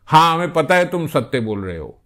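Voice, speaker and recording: A man voicing a gentle female handmaiden of Radha who soothes and coaxes in indulgent tones. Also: a little high, sing-song, normal speed. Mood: coaxing.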